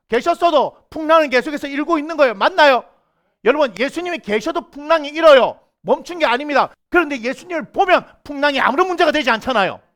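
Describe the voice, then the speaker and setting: High-voiced, animated male pastor preaching. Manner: lively, asks the congregation questions, acts out quoted voices. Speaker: senior pastor. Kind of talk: sermon. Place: church sanctuary.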